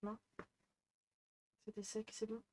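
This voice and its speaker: A woman in her thirties chats casually into a headset mic from her bedroom desk at home, rambling through a vlog full of fillers and restarts. Her fairly high voice is monotone, slow and dark-toned, with slight background noise.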